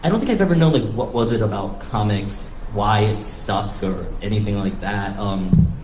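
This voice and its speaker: An American comics writer with roots in the northeastern United States and Thailand tells personal stories casually at a live panel, interrupting himself as he thinks aloud. His voice is on the low side, darkish, at a moderate pace. The room is echoey, with faint background noise.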